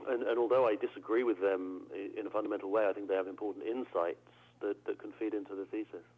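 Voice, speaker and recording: A man's voice: fairly low pitch, fairly even intonation, fast talker. A British man, a theologian, answering interview questions thoughtfully, often repeating words as he searches for phrasing. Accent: British English. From England. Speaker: theologian guest. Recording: narrow phone-like audio.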